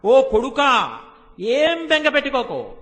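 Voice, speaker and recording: A man voicing a comforting divine mother goddess who reassures slowly and soothingly. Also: very high voice, wildly swooping pitch, a bit bright, big-room sound, full character voice. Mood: reassuring.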